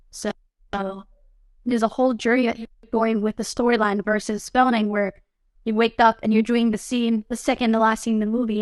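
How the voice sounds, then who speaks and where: On a studio podcast set, a young adult woman who acts is interviewed, her slightly high voice recorded dry. She chats casually and with animation, often dropping in "you know what I mean."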